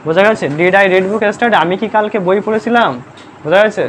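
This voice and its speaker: A teacher covering grammar in a live class talks fairly quickly in a mid-range voice. Pupils are quizzed constantly and checked for understanding, words are spelled out letter by letter, and noisy ones are sternly reprimanded.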